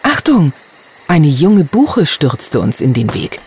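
Expressive children's-story narrator, first-person telling, wide lively pitch. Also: takes it slowly, background noise. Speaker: audiobook narrator.

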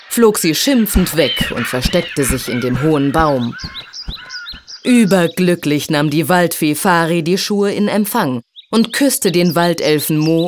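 A woman reading a children's story aloud in an expressive, sing-song way. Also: sits low, slight background noise.

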